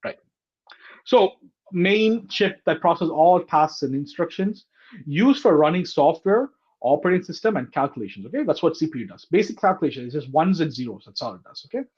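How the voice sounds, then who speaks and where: A man's voice: fairly high pitch, very animated, brisk, a little mellow, slightly rough. Man teaching over a muffled video call. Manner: explains step by step, often checking in with "okay?" and "right?". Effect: heard over a video call. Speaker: computer course instructor. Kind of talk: live online class lecture. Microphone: laptop or headset mic on a video call.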